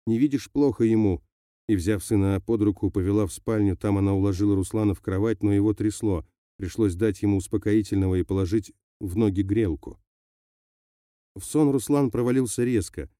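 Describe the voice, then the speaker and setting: A man narrating an audiobook in a steady, measured reading voice. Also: on the low side, no room sound, clean studio sound. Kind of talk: scripted narration.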